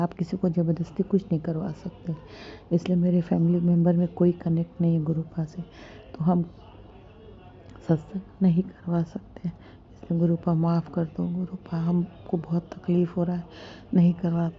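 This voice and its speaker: A middle-aged woman speaking a devotional prayer of thanks, pleading and apologetic, in a soft voice on a dull lo-fi home recording. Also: lowish voice.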